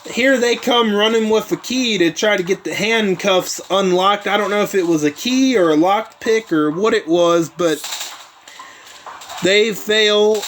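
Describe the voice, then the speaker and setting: A man's voice: high-pitched, a bit bright, a little hiss or hum. A man hosting his own show, recapping events in a rambling casual way with many asides. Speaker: host.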